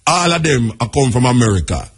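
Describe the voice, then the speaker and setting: A Jamaican man with a husky voice, talking in Patois as a radio host, conversational and emphatic, repeating his points. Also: mid-range voice, big pitch swings, brisk. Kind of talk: radio talk commentary in Patois.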